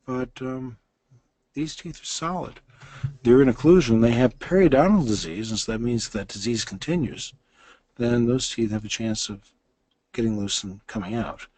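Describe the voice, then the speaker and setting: A dental case lecture comes from a man in his sixties who speaks at normal speed with a medium-pitched, warm voice and no echo. He takes listeners through the images step by step, explaining as he goes.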